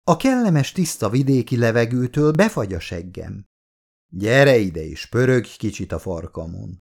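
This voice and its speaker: A man's voice: medium pitch, sing-song, vocal fry, a little mellow. A male audiobook reader voicing a vulgar, joking young man who teases his partner. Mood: teasing. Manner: vulgar, teasing banter. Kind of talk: audiobook character voice.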